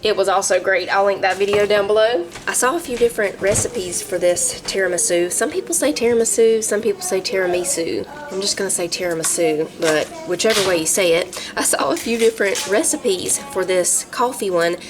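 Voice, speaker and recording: A woman's voice: mid-range voice, brisk, hardly any pauses, over music. Chatty Southern woman vlogging her garden and kitchen. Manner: chatty and homey, laughs easily, talks to her animals. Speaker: home cook and gardener, channel host. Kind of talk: casual garden and cooking vlog.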